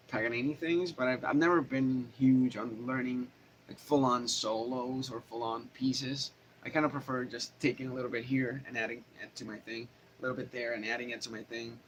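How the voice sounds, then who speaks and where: A man talks through guitar theory in a loose, rambling way, often stopping to correct himself. His voice sits at an ordinary middle pitch. A faint noise hangs behind the recording. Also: fairly bright tone. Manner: rambling, self-correcting, chatty. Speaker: guitar teacher. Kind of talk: casual live-stream guitar lesson. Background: guitar playing.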